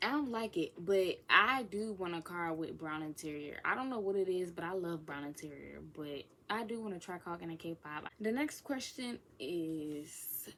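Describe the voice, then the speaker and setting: A woman's voice: on the low side, lively intonation, moderate pace, few pauses, a bit bright, a little hiss or hum. A woman of twenty chatting casually in a Q&A vlog, sassy and playful, with whispered asides. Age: 20s. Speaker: vlogger. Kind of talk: casual get-to-know-me Q&A.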